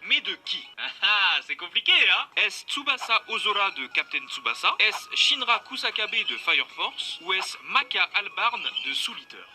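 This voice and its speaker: A man's voice: high voice, big pitch swings, normal speed, few pauses, sharp tone, soft background music. A young man hosting a casual anime quiz, playful and teasing, chatting to viewers like buddies. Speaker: quiz host and streamer.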